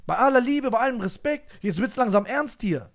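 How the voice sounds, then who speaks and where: High male voice, brash, mock-scolding, casual streamer banter. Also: expressive, a little fast. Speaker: streamer reacting to a video. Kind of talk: casual banter, street slang.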